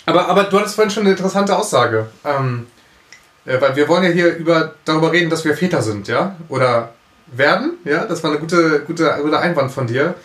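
Man in his 30s, slightly higher voice, casual co-host, laughs a lot, echoey room. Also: animated, brisk, a bit bright. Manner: chatty, laughs often, many restarts. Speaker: podcast co-host, youth pastor. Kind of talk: casual chat. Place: room set up for recording, indoors.

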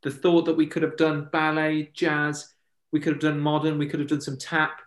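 A man's voice: fairly high pitch, completely flat delivery, moderate pace. A man, co-hosting a casual podcast chat and telling jokey, self-deprecating stories. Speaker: podcast co-host. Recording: echoey room.

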